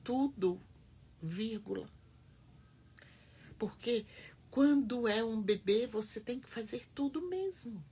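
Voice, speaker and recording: A middle-aged woman giving earnest, emphatic advice to mothers, with dramatic pauses. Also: a little high, lively intonation, mellow, slightly rough. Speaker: family counselor speaking to mothers. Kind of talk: heartfelt advice talk to camera.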